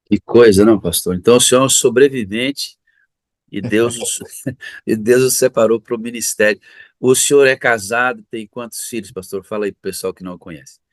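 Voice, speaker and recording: A man's voice: mid-range voice, normal speed, no room sound. Effusive middle-aged Brazilian man interviewing. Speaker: church interviewer. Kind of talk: church interview conversation.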